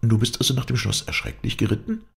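A man's voice: medium pitch, sing-song, quick pace, gravelly, pitched above the performer's own voice. A man voicing a tearful young princess in a storybook reading, pleading. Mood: anxious.

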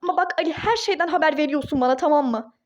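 Woman voicing Duru, a very high outraged wife. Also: rapid-fire, slight background noise, close to an everyday voice. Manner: exclaiming, indignant outbursts. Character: young wife, furious and indignant. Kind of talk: toy-game role-play drama.

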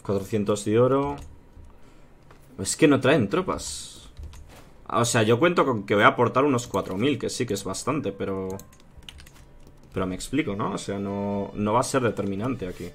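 A man with a Spanish accent from Spain giving casual commentary while playing a strategy game, chatting to his viewers and thinking out loud. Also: fairly low pitch, animated, normal speed, long pauses. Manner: chatty, thinks aloud, addresses viewers as "chicos" and "tío". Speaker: gaming youtuber.

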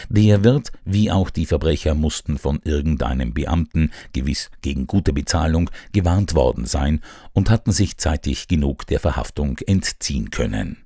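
A man narrating an old detective adventure as an audiobook, in a measured, dramatic storytelling manner. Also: a bass voice, expressive, dark tone, no echo, studio quality.

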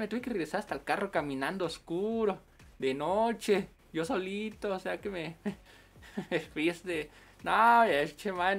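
A man with a Mexican accent chatting casually on a game livestream, full of slang and quick laughs. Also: sits high, gravelly. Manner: slangy, laughs often while storytelling. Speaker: game streamer.

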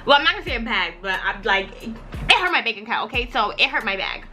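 A young woman in her twenties, a beauty and lifestyle vlogger, rambles through a casual get-ready-with-me video in her bedroom, full of slang and filler words. Her voice is fairly high, bright and pushed, and she talks fast and very animatedly over soft background music.

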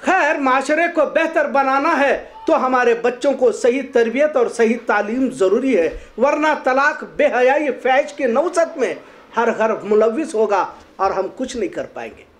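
A woman's voice: high voice, lively intonation, measured pace. A woman presenting a local news program, reading a scripted commentary in an earnest, moralizing editorial tone.

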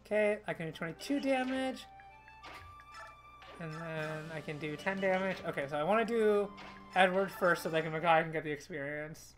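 A woman's voice: low-pitched, normal speed, soft background music. A woman co-hosting a video game stream, chatting in a playful, jokey way with frequent giggles. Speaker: co-host playing a video game. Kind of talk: casual let's-play chat.

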